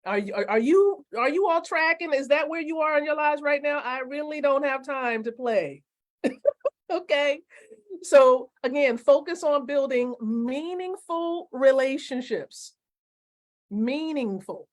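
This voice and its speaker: A woman in her forties gives a motivational lesson on a live stream. Her voice sits a little high, and she stresses key phrases by repeating them slowly. She keeps asking her viewers questions. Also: animated. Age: 40s. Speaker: network marketing coach.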